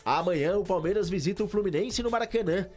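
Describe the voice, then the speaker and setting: A man's voice: sits high, fast, darkish tone. A Brazilian man reading a scripted sports news report as a reporter. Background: music.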